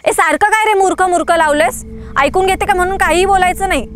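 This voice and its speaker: A woman's voice: extremely high pitch, fast talker, a little hiss or hum. An actress playing Sheetal, a young woman who pleads and defends herself to her partner.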